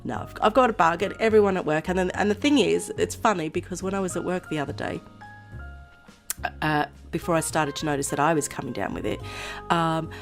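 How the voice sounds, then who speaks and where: A woman vlogger chatting casually to her viewers, her voice nasal and hoarse from a cold, rambling and laughing often. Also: fairly low pitch. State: voice going hoarse. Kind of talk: casual chat to camera.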